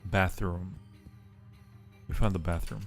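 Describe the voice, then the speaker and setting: This live streamer's voice sits low with vocal fry, and he takes it slowly in a steady tone. Game music plays as he streams a horror game, bantering playfully with viewers, muttering to himself, and reading on-screen text out loud.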